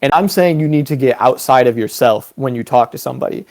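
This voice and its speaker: A man's voice: mid-range voice, fast, vocal fry, darkish tone, no echo. A man co-hosting a podcast, explaining ideas in a reflective casual chat with many fillers. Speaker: podcast co-host.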